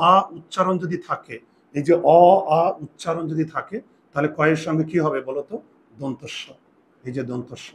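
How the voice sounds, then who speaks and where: A man teaching a grammar lesson, dictating rules slowly and checking often whether his students follow. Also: a little high, a little hiss or hum. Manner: slow, deliberate dictation with repeated questions to students. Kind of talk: classroom lesson.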